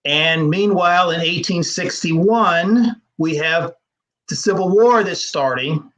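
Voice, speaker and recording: Male historian guest, slightly high voice, measured and explanatory, lots of "uh". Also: fairly bright tone, rough recording. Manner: measured, explanatory, with frequent fillers. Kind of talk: explaining history over slides in an interview.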